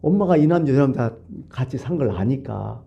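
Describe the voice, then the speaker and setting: A male pastor preaching a conversational, storytelling sermon at a church, swinging between hushed asides and animated bursts, in a dull lo-fi recording. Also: mid-range voice, normal speed, creaky. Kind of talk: Wednesday service sermon.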